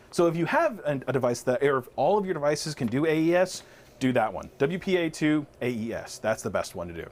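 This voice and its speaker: A man co-hosting a tech webinar, casually explaining Wi-Fi step by step with frequent restarts. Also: mid-range voice. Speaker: webinar co-host.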